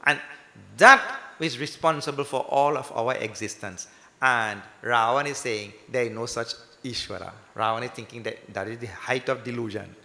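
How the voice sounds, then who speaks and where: A man's voice: medium pitch, normal speed, vocal fry, pushed and bright. A man giving a scripture discourse as a swami, emphatic, repeating points and posing questions that he answers himself. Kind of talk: sermon with question-and-answer teaching. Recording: echoey hall with long reverb, faint music.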